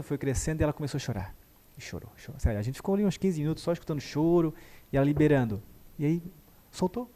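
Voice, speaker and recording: Homem de voz grave e fala rápida. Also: male voice, a little high. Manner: animated, acts out dialogue. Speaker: guest therapist. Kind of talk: conversational storytelling.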